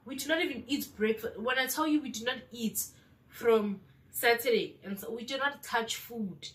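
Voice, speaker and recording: A woman's voice: on the high side, moderate pace, distant mic. A woman with a South African accent telling a casual storytime vlog, chatty and mixing in local slang. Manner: chatty, mixes local slang into her speech. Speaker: vlogger.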